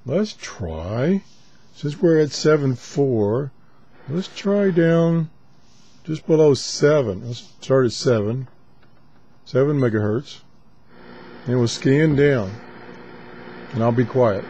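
Mellow guy casually talking to himself while tuning a radio, dull sound w static behind him. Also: mid-range voice, animated. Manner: unhurried, muttering to himself in short phrases. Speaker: shortwave radio hobbyist host. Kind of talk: casual off-the-cuff demonstration commentary. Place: small indoor radio desk. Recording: dull camera audio with clear static noise. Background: shortwave radio static.

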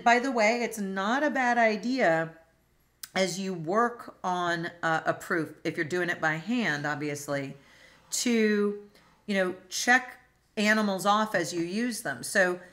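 A woman's voice: mid-range voice, pushed and bright. A woman instructor teaching a logic class over a video call, asking students questions, with frequent fillers and restarts. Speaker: philosophy instructor. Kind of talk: online class lecture.

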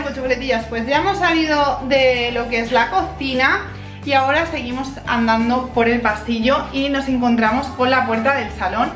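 A young woman in her twenties giving a chatty, casual tour of her apartment, filmed on a handheld camera. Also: fairly high pitch. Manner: chatty, addresses viewers directly. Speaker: vlogger giving a house tour. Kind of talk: casual house tour narration. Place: small apartment living room, indoors.

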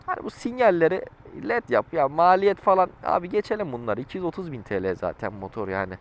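A man talking casually inside a helmet while riding a motorcycle, giving a chatty, slangy review and thinking aloud. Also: sits high. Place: outdoors, riding a motorcycle on the road. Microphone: microphone inside a helmet. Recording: inside a helmet, clear road noise. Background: engine and outdoor traffic noise.

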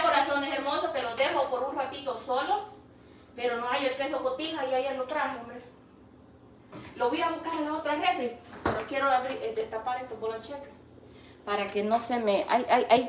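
A woman with a Salvadoran accent, cooking at home and chatting with her live viewers, teasing and animated and full of pet names. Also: sits high, far from the mic, a little hiss or hum. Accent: Salvadoran Spanish. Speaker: cooking vlogger. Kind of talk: casual live cooking chat. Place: home kitchen. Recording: roomy kitchen, voice off-mic.

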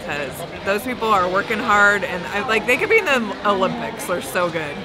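A woman's voice: mid-range voice, sing-song, moderate pace, crowd noise. A young woman co-hosting a travel vlog, chatting in a bubbly way and often saying "like". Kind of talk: casual chat. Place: aboard a cruise ship, indoors.

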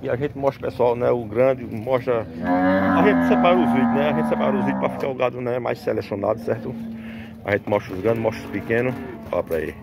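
A creaky, mid-range voice belongs to a farmer from Northeast Brazil who talks a little fast while vlogging a casual walkthrough of an outdoor cattle market on a handheld phone camera. He's chatty, padding his talk with "né" and "pessoal," with outdoor cattle and vehicle sounds in the background.

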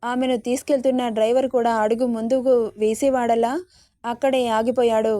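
A woman's voice: on the high side, flat delivery, normal speed, mellow, no room sound. Woman reading a love story aloud. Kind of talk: scripted story narration.

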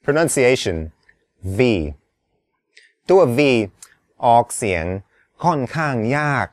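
A man's voice: medium pitch, sing-song, drawn-out words, no room sound, studio quality. A man teaching English, explaining words and pronunciation carefully and politely.

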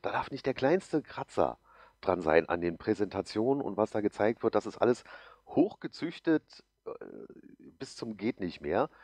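A man's voice: low voice, vocal fry, a little mellow, dry recording. A man hosting a podcast, talking casually and hesitantly with many ums and ahs. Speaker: podcast host. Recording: dull, dry lo-fi mic.

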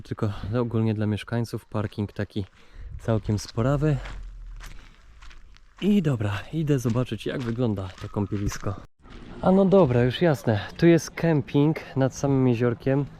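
A man of ordinary pitch talks casually to his viewers, thinking aloud as he goes. He is recorded outdoors with faint background noise. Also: darkish tone. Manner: chatty, thinking aloud while showing finds. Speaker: vlogger. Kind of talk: casual vlog narration.

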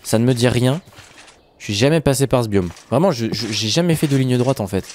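A young man chatting casually to viewers while playing a survival game, animated, with high exclamations and drawn-out words. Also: slight background noise. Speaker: gaming video host. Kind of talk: casual Minecraft let's play commentary.

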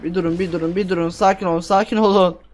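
A man's voice: sits high, steady tone, racing, slight background noise. A young man giving casual, self-mocking commentary while playing a game, repeating words when he panics. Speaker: gameplay streamer. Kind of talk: casual let's-play commentary.

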